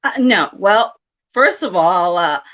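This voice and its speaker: A woman's voice: fairly low pitch, lively intonation, slow pace, fairly bright tone, low-quality recording. A woman in her thirties from South Texas, a psychic medium chatting as a guest in an interview, laughing often. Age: 30s. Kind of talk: casual interview chat.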